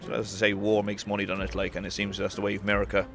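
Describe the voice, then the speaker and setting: Flat, fast-talking man from Ireland. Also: on the low side, music in the background. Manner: rambling with many "like, you know".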